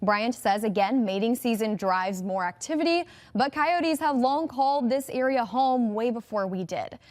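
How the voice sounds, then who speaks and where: A woman anchoring a local TV newscast, reading scripted stories with a brisk, upbeat delivery. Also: fairly high pitch, animated, a little mellow. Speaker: news anchor.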